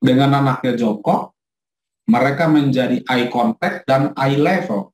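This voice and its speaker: A middle-aged man, a pastor, teaching a parenting class in a lively way and acting out quotes from his child. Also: medium pitch, a little slow. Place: church hall. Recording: echoey room.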